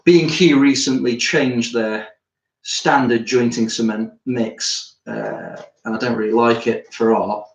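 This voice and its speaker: A man's voice: mid-range voice, a little slow. A British man, an artist chatting casually on a live stream while he works, rambling and thinking aloud, a bit tired after climbing. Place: art studio. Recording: roomy studio with faint noise.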